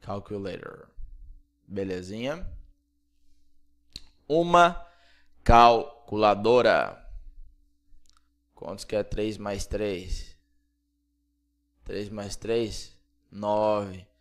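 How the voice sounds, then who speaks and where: Slow, low-voiced man teaching English. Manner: repeats words slowly and clearly, asks "beleza?" often; playful asides. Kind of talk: Portuguese-spoken English pronunciation lesson.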